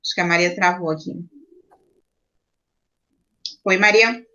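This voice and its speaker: A woman's voice: lowish voice, fairly even intonation, unhurried, bright, forceful tone, muffled recording. A woman teacher with a Brazilian Portuguese accent, patiently explaining grammar to children on a video call and checking in often. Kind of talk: online class teaching.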